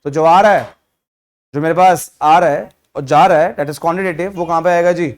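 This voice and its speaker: High-voiced male economics teacher. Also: steady tone, moderate pace. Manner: explains with rhetorical questions to students; mixes English terms into Hindi. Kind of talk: classroom lecture.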